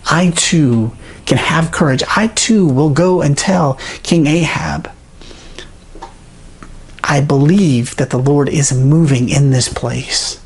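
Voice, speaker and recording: A preacher voicing an anxious male court servant who pleads in a worried, raised, quicker voice. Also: mid-range voice, slight background noise. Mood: resolved.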